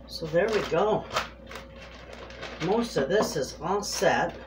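Speaking slowly, in a lowish voice with lively intonation, a woman preps food at home and chats to the camera like a friend. She's a homesteading cooking vlogger doing an informal demo. The sound bounces around the kitchen, and background noise is easy to hear.

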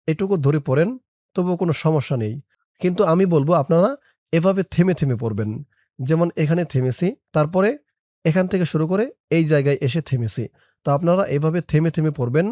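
A man teaching a prayer by chanting it word by word, then quickly explaining how to pronounce it. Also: a little high, warm tone, dry recording, studio quality. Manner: slow drawn-out chanting of each word, quick plain explanations between. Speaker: religious teacher.

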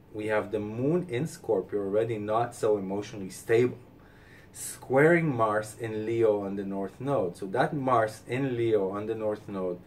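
A male astrologer hosting a weekly forecast, speaking calmly and giving advice, tired from little sleep. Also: lowish voice, far from the mic, a little hiss or hum. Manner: calm, advising, with frequent fillers and restarts. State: short on sleep. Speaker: astrologer host.

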